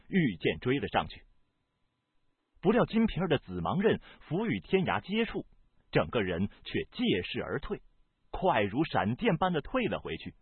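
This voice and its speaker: Man, audiobook narrator, husky voice, lively expressive storytelling, tinny phone-like sound. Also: medium pitch, dry recording. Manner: expressive, varied storytelling delivery. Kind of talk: dramatic novel reading.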